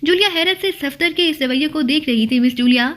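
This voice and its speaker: A woman narrating a spy thriller novel as an audiobook, in a steady, expressive storytelling manner. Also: high voice.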